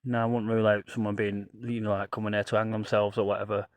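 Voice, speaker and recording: Man, deepish voice, dry recording, casual ghost-hunt narration, thinking aloud, addressing spirits. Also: monotone, quick pace, dry recording. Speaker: paranormal investigator. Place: outdoors on a path at night.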